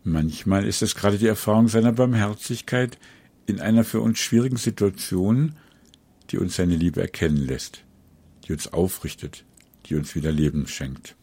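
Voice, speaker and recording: A man giving a spoken sermon in an earnest, measured devotional tone. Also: on the low side, mellow, husky, no echo. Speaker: preacher.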